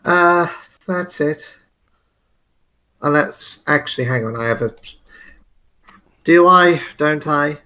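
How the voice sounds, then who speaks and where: A man's voice: a little high, slow, pauses often, bright, forceful tone, smooth. A man playing a tabletop game, hesitant with many fillers and playful swearing. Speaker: player. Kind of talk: casual tabletop game play.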